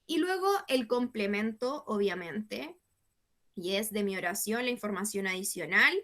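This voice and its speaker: A woman's voice: medium pitch, animated, normal speed, fairly bright tone. A woman teaching an English class. She explains patiently and repeats herself, checking in with a questioning "yes?" after nearly every phrase.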